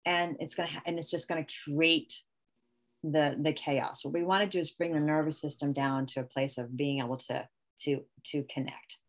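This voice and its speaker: A woman's voice: low voice, steady tone, normal speed. A woman, a mother, explaining parenting techniques in a casual interview, often acting out example phrases she would say to a child. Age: adult parent. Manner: talks through ideas with many restarts and quoted one-liners. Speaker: parenting expert guest.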